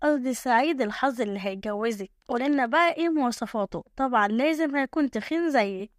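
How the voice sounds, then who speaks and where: A woman's voice: on the high side, animated, fast, dry recording, clean studio sound, close to an everyday voice. A woman voicing a group of young village girls with an Egyptian accent who tease and sneer. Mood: mocking. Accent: Egyptian Arabic. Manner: teasing, sneering.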